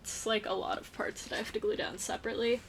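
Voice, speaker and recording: A young woman co-hosting a casual crafting vlog, teasing her friend with quick, wry one-liners. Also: on the high side, steady tone, slight background noise. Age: young adult. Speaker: vlog co-host. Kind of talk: casual chat while crafting. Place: indoors at a craft table.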